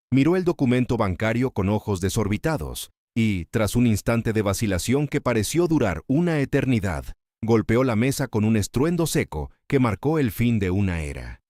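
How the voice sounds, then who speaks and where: A man's voice: fairly low pitch, a little mellow, dry recording, studio quality. A man narrating a scripted dramatic story in a solemn, literary storytelling manner.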